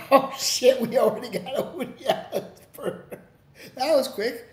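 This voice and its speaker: A man with a very high voice casually hosts a livestream, responding unhurriedly to viewer comments in a profane, rambling way with plenty of restarts. The recording has room echo and faint background noise.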